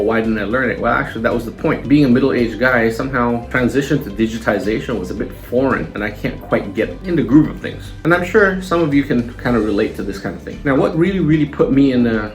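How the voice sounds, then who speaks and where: A man in his fifties, a small business owner, talking casually and earnestly to camera in his vlog, rambling a little with restarts. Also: mid-range voice. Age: 50s.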